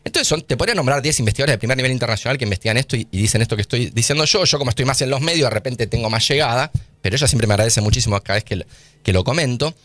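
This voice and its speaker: A man's voice: mid-range voice, expressive, rapid-fire, fairly bright tone, dry recording. A man with an Argentine accent, a guest scientist in a radio studio interview, explaining eagerly and using casual slang. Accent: Argentine Spanish.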